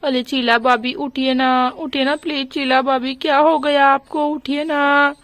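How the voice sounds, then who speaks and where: A woman voicing a village husband and father in a doll storybook, speaking in a lowered voice with a fussing, boastful manner. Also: level tone, measured pace, fairly bright tone, dry recording.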